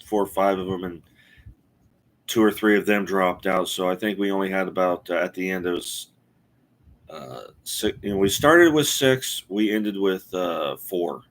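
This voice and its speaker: A man in his forties chatting casually on a live stream, rambling and halting with many fillers and restarts. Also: low voice. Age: 40s. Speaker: streamer host.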